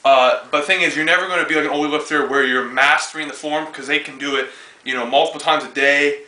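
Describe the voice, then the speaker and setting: A man's voice: a little high, steady tone, fast talker, sharp tone. A twenty-year-old man, a strongman athlete and coach, giving a casual spoken lifting demonstration in a gym, talking between lifts with frequent fillers. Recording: echoey room, voice far from mic.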